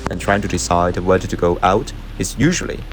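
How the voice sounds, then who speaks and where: Music plays clearly behind a man with a deep, low voice. He narrates a trail running vlog from a script, keeping a measured and matter-of-fact delivery.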